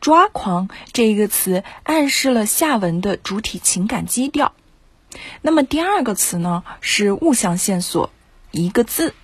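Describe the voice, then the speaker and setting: Husky woman teacher reviewing an essay. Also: medium pitch, very animated, no room sound. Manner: measured, explanatory. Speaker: writing teacher. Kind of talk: essay commentary.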